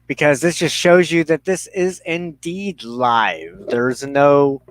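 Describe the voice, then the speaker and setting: Inside a trailer, the host of a spiritual ministry livestream chats casually with viewers through a headset mic, rambling in slangy speech. His voice is a little high and slow, with no echo.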